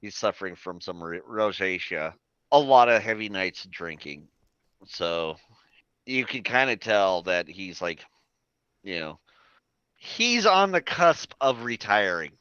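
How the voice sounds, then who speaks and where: Casting: man running a tabletop game, low, forceful voice, dry dull recording. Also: very animated, measured pace, smooth, no echo. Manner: rambling, many fillers. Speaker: game master.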